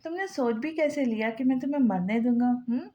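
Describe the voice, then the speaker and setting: A woman's voice: sits high, a little fast, mellow, highs cut off, lightly acted. A woman voicing a cruel, taunting young husband who mocks with false tenderness, read in her own voice from a novel. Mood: mocking.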